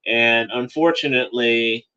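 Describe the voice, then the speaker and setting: A man's voice: mid-range voice, fairly even intonation, measured pace, highs cut off, noisy background. A man talking as a political commentator in a casual monologue, rambling and repeating phrases with frequent "you know".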